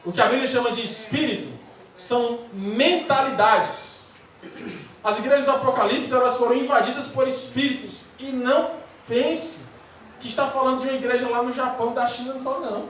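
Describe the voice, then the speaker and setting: A pastor preaching a sermon in an emphatic, repetitive rhetorical style, in a church sanctuary. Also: male voice, extremely high pitch, fairly even intonation, normal speed, a bit bright. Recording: very echoey church hall from far off, faint noise.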